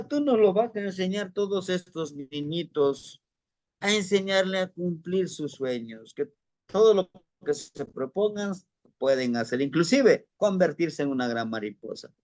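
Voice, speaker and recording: Man doing old worm grandparents naming a teacher, slow and ceremonial. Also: fairly high pitch, expressive, no echo. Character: wise old worm grandparents, honoring elders.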